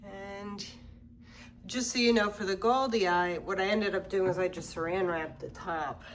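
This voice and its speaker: Her mid-range voice comes at a measured pace over a little hiss or hum. As a plant-channel host with a cold-induced stuffiness, she tours her home room by room, chatting easily and dropping fillers in a relaxed vlog style.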